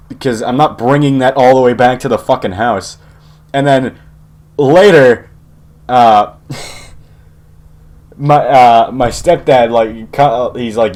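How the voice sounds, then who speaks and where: Young guy rambling thru a story, swears a ton, keeps chuckling, mid-pitched voice. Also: a little mellow. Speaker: channel host. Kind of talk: casual storytelling.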